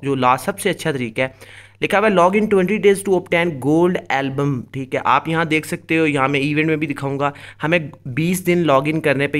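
A man with a slightly high, somewhat bright, clean-toned voice hosts a mobile game tips channel. He gives casual tutorial commentary over gameplay, walking through things step by step and speaking straight to his viewers.

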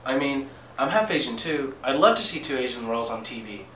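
A young man in an amateur student skit plays an upbeat producer who talks his way around things. His voice is bright. The room is echoey, he is a little off mic, and faint noise sits underneath. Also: mid-range voice, lively intonation, a little fast. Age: young adult. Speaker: student actor playing a casting producer. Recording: roomy, distant, faint noise.

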